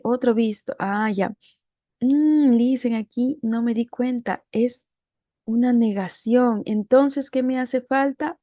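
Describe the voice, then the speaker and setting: A woman's voice: a little high, dark tone, no room sound, lo-fi sound. A woman teaching English grammar, patiently walking through a worksheet and often checking with rhetorical questions.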